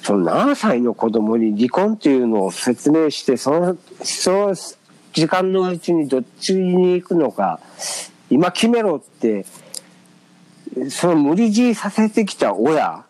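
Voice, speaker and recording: A man's voice: fairly high pitch, measured pace, poor audio. A man with a Kansai accent, telling a personal story in casual chat, hesitant with many fillers. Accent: Kansai Japanese. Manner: animated storytelling. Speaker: podcast co-host.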